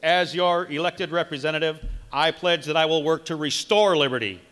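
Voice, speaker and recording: A middle-aged man from Wisconsin, a political candidate reading a campaign speech at a podium microphone with measured emphasis. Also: a little high, fairly bright tone. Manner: reads from notes, emphatic measured delivery. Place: large conference hall, indoors. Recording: long hall reverb.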